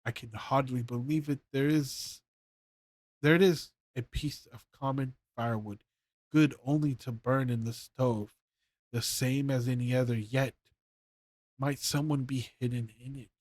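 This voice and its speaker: A man's voice: mid-range voice, fairly even intonation, unhurried, darkish tone, no room sound, lightly acted. A man playing an older, easily frightened woodcarver who talks to himself nervously. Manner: trembling, nervous self-talk.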